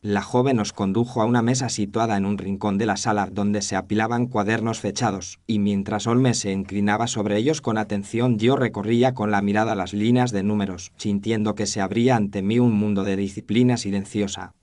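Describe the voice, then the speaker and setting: A man's voice: lowish voice, fairly even intonation, brisk, hardly any pauses, a little mellow, natural voice. A man narrating a scripted mystery story as an observant Victorian doctor, formal and descriptive. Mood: reflective.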